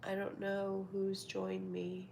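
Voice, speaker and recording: Sick with a cold, a woman hosting a livestream chats casually with viewers from home, her voice congested and nasal. She speaks softly and slowly in a gravelly monotone of medium pitch, drifting into half-whispers and using many fillers. A faint hiss or hum runs underneath.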